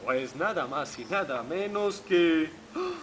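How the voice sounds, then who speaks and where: A man reading a children's story aloud in an animated way, speaking to young listeners and imitating the animal sounds. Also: on the high side, unhurried. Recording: noisy home video recording.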